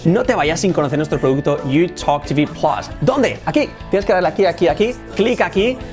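Playful Spanish-speaking pronunciation teacher. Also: male voice, on the high side, normal speed, faint music behind. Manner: playful, exaggerated demonstrations of sounds, frequent laughs; direct address to viewers, lively. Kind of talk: pronunciation lesson for a video channel.

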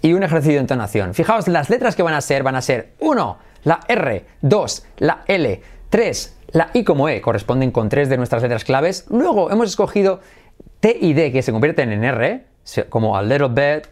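A man's voice: fairly high pitch, very animated, normal speed, a little mellow. Upbeat man teaching English sounds. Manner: enthusiastic, switches between Spanish and English, repeats words for practice. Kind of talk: energetic online language lesson.

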